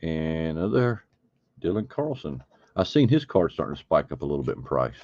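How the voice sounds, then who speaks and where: A man's voice: very deep voice, sing-song, a little fast, darkish tone, no room sound, muffled recording. A man hosting a live card break, chatting casually and thinking aloud as he opens packs. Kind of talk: casual live stream chat.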